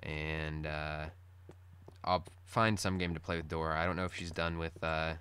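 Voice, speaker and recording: A man's voice: a bass voice, fairly even intonation, moderate pace, pushed and bright, smooth. A man with a morning voice chatting casually in a rambling, laid-back gaming update, on poor-quality audio. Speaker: gaming video host. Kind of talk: casual Let's Play update chat. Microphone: recorded through screen-capture software. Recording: poor audio with background noise.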